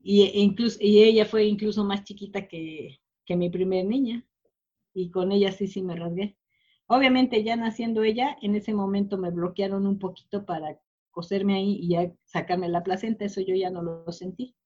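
A woman's voice: mid-range voice, steady tone, moderate pace. A woman, recounting a personal experience in an interview with emotional, searching speech and frequent fillers. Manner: warm, emotional, many fillers. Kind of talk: personal storytelling. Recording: slightly dull lo-fi audio.

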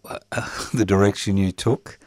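A man hosting a radio interview, asking questions gently and with some hesitation. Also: on the low side, fairly even intonation, a little slow, dry recording. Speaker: radio host.

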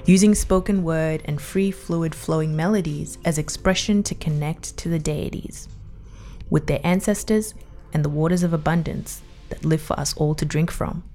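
A woman host reading a scripted introduction in a measured, earnest way. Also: sits low, fairly even intonation, warm tone, faint music behind. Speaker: podcast host.

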